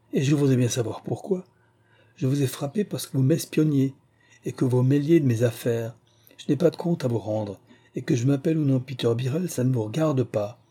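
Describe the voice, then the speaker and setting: A man's voice: mid-range voice, dark tone, breathy edge, natural voice. A man voicing a desperate, accused male bank clerk who protests indignantly.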